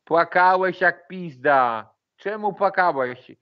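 High, lively man taunting with laughter. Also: takes it slowly, clear, resonant tone, lo-fi sound. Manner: mocking, taunting, swears a lot, laughs often. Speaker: livestream host. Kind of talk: casual livestream banter.

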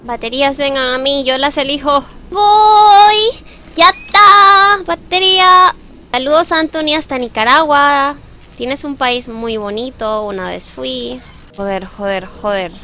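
Young woman streamer, high and bright, nervous live horror-game commentary. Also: fairly even intonation, normal speed. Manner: jittery, scared, talks to her viewers and greets them by name. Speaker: gaming streamer.

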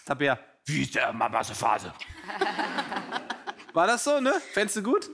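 A man's voice: on the high side, huge pitch swings, noisy background. A man hosting a dating show in a large TV studio, joking and teasing the contestants. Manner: joking, teasing, quick asides. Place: large TV studio with live audience.

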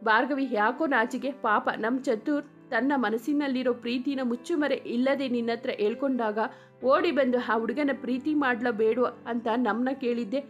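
A woman reading the lines of a gentle older mother in a story, speaking tenderly. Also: on the high side, fairly even intonation, brisk, dull audio, faint music behind, close to an everyday voice. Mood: affectionate.

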